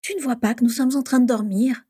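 A playful teenage boy acted by a woman teases his friends in a teasing, lifted voice. The tone stays mellow and close, with a dry sound. It is a storybook reading. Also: fairly high pitch, steady tone, a little fast, slightly rough, no echo, pitched above the performer's own voice.

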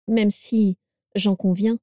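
A woman voicing a cheerful, self-assured elderly mother with a placid, gently mocking manner. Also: mid-range voice, little pitch movement, slow, no echo, studio quality, natural voice.

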